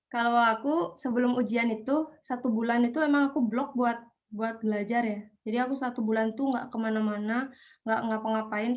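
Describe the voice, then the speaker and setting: A young woman from Indonesia chatting as an interview guest, hesitant with many fillers. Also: on the high side. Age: young adult. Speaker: guest, student abroad. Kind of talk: casual online interview.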